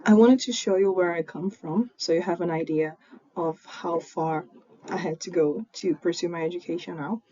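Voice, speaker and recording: Her voice sits fairly low, mellow and slightly rough, moving at normal speed as she earnestly recounts her personal story with frequent ums. She's a young Brazilian genetics PhD student, a native Portuguese speaker with a Brazilian accent, recording remotely at home in Fortaleza. The audio is dull and lo-fi, carrying faint noise.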